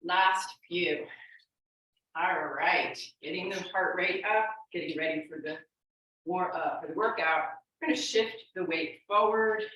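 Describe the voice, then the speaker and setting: A woman's voice: on the low side, measured pace, pushed and bright, slight background noise. A woman leading an exercise class as an instructor, cueing and counting moves in an encouraging, unforced way. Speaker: fitness instructor. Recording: very echoey room, distant microphone.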